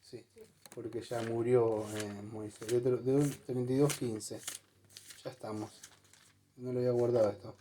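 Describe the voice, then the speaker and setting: A man's voice: mid-range voice, little pitch movement, normal speed, mellow, slight background noise. A male pastor, preaching a conversational sermon to his congregation, talking to them directly and thinking aloud while he hunts for Bible verses. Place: church.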